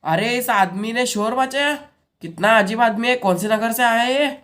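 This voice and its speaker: A bullying giant demon voiced by a woman teacher shouts his threats in a raised, strained voice. He stays gruff and boastful, like a stage villain in a class play reading. The recording is plain. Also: fairly high pitch, normal speed, voice pushed up, natural voice.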